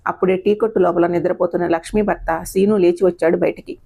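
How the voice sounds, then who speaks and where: Woman narrating a story, steady scripted storytelling. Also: lowish voice, fast, slightly rough.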